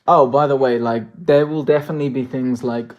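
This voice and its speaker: A man's voice: medium pitch, fairly even intonation, brisk, a little mellow, dull audio. A man from South Africa chatting loosely through a live-stream Q&A as a worldbuilding creator, thinking aloud with jokey asides. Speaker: worldbuilding creator answering chat.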